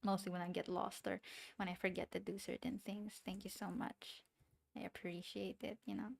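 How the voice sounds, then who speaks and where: A woman's voice: medium pitch, level tone, normal speed, gravelly, darkish tone. A young woman with a non-native English accent, chatting in a rambling, giggly way with her chat as she draws on a livestream. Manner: rambling and giggly, talking to herself as she works. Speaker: streamer. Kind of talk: casual chat while drawing on a livestream.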